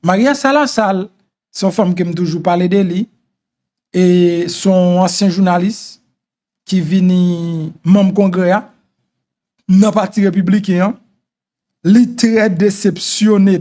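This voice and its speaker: High-voiced Haitian Creole-accented man. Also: fairly even intonation, takes it slowly, pauses often, dark tone. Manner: repetitive, insistent advice-giving. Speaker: host. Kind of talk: casual commentary monologue.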